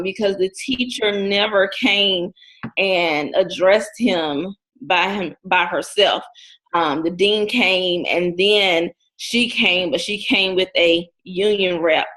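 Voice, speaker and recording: A woman student lays out her views one point at a time during a class discussion. She pauses on frequent ums between her points. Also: mid-range voice, a bit bright, a little hiss or hum, low-quality recording. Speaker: student in an education course. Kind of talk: class discussion of a case study.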